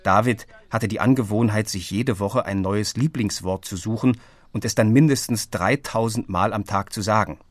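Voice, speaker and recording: A man reads a children's story aloud in a lively manner, giving each family member a voice. The sound is close and dry, with no room echo. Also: fairly low pitch, moderate pace. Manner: lively, voices characters in dialogue. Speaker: narrator. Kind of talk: audiobook reading.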